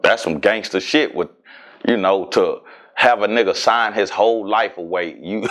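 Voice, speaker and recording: Man in his forties, Southern accent, profane, streetwise, lowish voice. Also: moderate pace. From Houston, Texas. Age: 40s. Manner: profane, streetwise, animated storytelling. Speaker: rapper and guest. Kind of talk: casual interview talk.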